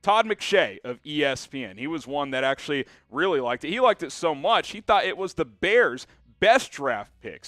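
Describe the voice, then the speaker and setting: A young man hosting a live sports talk stream, reading viewer comments aloud in an energetic, chatty way with plenty of fillers. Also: on the high side, dry recording, clean studio sound. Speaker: sports show host.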